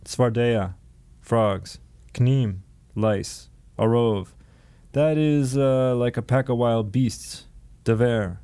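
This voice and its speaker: Dutiful young assistant, measured chanting lister, audiobook figure, read by a man. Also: medium pitch, gravelly, dark tone, no echo.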